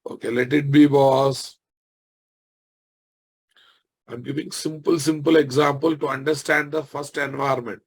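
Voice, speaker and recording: A man with a Telugu Indian accent giving an informal technical lecture as a software instructor, repeating phrases and often checking with tag questions that listeners follow. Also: medium pitch, fairly even intonation, normal speed, slightly rough.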